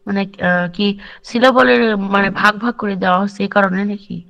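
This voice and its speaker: A student answering a teacher hesitantly in a live online class, halting with fillers. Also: medium pitch, creaky, pushed and bright.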